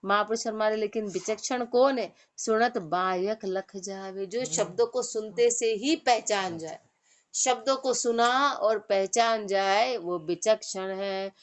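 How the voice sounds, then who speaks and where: Slow-spoken woman giving a devotional discourse. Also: mid-range voice. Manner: chants verse lines slowly, then explains in plain talk. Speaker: spiritual teacher. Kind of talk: devotional discourse explaining verses.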